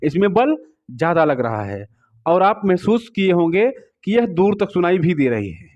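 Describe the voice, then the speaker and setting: A man's voice: high voice, sing-song, normal speed, darkish tone. A man teaching a music lesson, explaining notes patiently and often asking his students questions. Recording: slightly dull, lo-fi sound.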